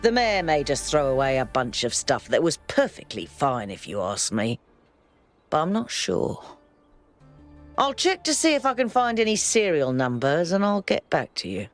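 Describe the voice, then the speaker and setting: Cranky old robot engineer in a game, sardonic n irritable, pitch moves around a lot. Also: male voice, wildly swooping pitch, moderate pace, soft background music. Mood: dry, grumbling. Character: grumpy old robot chief engineer, curmudgeonly and sarcastic. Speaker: game character. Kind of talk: video game character dialogue.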